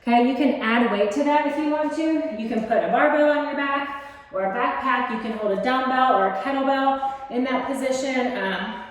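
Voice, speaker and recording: A woman's voice: sits high, normal speed. A woman fitness coach explaining exercises step by step in a casual, encouraging way, recorded in an echoey basement gym. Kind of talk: instructional workout demonstration.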